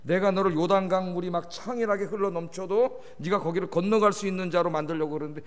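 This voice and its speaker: A man preaching takes on the voice of God as a fatherly male deity, lower and softer than his usual preaching. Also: fairly even intonation, quick pace, in a large hall, close to an everyday voice. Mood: chiding.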